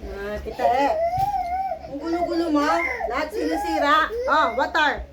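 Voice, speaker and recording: High, lively mother scolding her toddler. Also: normal speed, very noisy. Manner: scolding and coaxing, short repeated commands. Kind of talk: home video, talking to her crying toddler.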